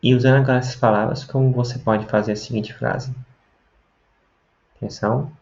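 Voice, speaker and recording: Male teacher, explanatory, keeps checking in; gravelly voice, lo-fi sound. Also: medium pitch, steady tone, fast, a little mellow. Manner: explanatory, with frequent tag questions. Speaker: language teacher. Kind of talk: video lesson.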